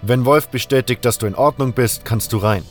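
A man's voice: medium pitch, fairly quick, soft background music, close to an everyday voice. A man voicing a suspicious, stubborn male gate guard who questions a visitor sternly.

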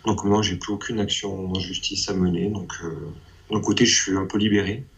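A man's voice: low-pitched, steady tone, fairly quick. A man giving a hesitant personal testimony in an interview, often repeating and restarting his phrases.

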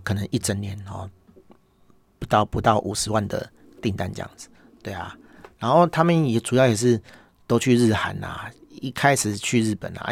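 Wry Taiwanese man, gravelly low voice. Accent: Taiwanese Mandarin. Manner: chatty, peppers speech with "hor" tags; wry, exasperated storytelling. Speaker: podcast host, business owner. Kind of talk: casual monologue.

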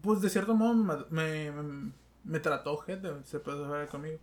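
A man's voice: on the high side, normal speed. A man with a Mexican accent in casual chat, hesitant and repeating words as he searches for them. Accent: Mexican Spanish.

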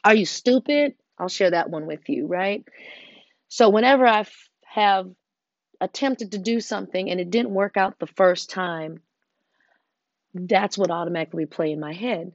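A woman giving an earnest, encouraging motivational talk, often dropping into hushed tones. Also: on the low side, moderate pace, long pauses, no room sound, dull audio. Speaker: host.

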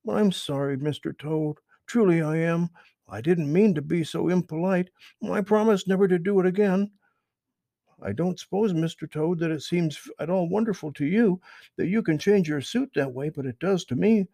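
A man's voice: on the high side, moderate pace, gravelly, dark tone, dry recording, pitched above the performer's own voice. A man voicing Peter Rabbit, an eager and apologetic young male rabbit, in an earnest, pleading storybook reading. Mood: admiring. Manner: earnest, pleading, wide-eyed.

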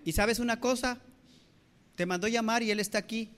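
A man preaching a sermon, impassioned, repeating phrases and swinging between loud and soft. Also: sits high, moderate pace. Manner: impassioned preaching, acting out voices. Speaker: pastor.

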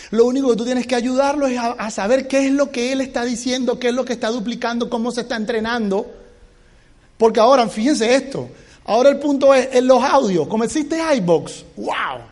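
A man with a strikingly high voice leads a motivational talk for his business team. He is animated and keeps turning to the listeners with rhetorical questions.

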